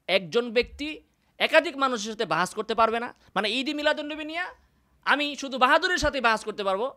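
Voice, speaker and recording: Man, bright sharp voice, mocking, heated monologue, indoors. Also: extremely high pitch. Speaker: religious speaker. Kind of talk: combative monologue. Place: indoors in a room.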